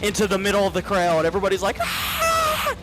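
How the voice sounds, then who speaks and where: A man narrating as game master of a tabletop role-play game, excitable, with loud sound effects, over a headset. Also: sits high, racing, loud music behind the voice.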